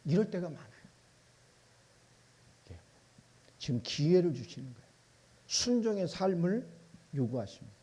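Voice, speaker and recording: Male pastor, fairly high voice, mellow timbre; chatty sermon delivery, plays both sides of a dialogue. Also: very animated, moderate pace, long pauses, breathy edge. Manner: conversational preaching with rhetorical questions; acts out both sides of an imagined exchange. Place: church sanctuary.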